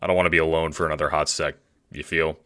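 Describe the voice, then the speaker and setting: In an audio drama, a man plays a laid-back young dude, speaking in a rumbling low voice that's slangy and deadpan with hesitant pauses. The casual front masks dread, leaving the mood both anxious and easygoing.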